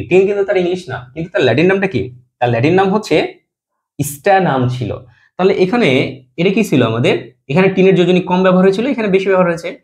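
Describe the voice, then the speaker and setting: A high-pitched, slightly mellow male voice delivers a chemistry lesson. The teacher breaks things down step by step and supplies answers to his own questions, lowering his voice whenever he completes a compound name.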